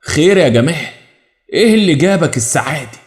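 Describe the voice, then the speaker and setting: A man's voice: on the high side, animated, fast talker, close to an everyday voice. A man voicing a timid, henpecked father with an Egyptian Arabic accent, speaking hesitantly and apologetically in an audio story.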